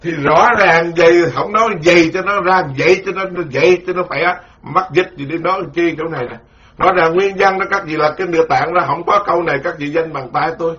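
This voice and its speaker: Self-mocking monk preacher. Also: male voice, a little high, brisk. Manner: self-mocking, rambling, lively storytelling with quoted voices. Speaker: Buddhist monk lecturer. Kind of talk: informal dharma talk. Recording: dull lo-fi recording.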